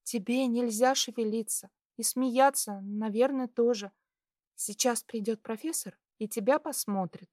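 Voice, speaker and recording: A woman voicing a tender, tearful young wife who speaks softly and pleads. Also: fairly high pitch, unhurried, no room sound, studio quality, pitched above the performer's own voice, lightly acted. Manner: soft whispering, pleading.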